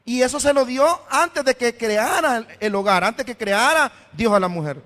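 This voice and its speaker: Preaching in a church hall with long reverb, a pastor speaks at normal speed in a very high, expressive and fairly bright voice. He frequently calls his listeners brother and poses the questions he imagines they might have.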